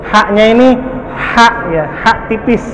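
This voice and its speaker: A man's voice: high voice, slow pace, a bit bright. A man teaching a tajweed class at a mosque, patiently drilling syllables for his students to repeat. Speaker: Quran recitation teacher. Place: large mosque hall. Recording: echoey hall, faint background noise.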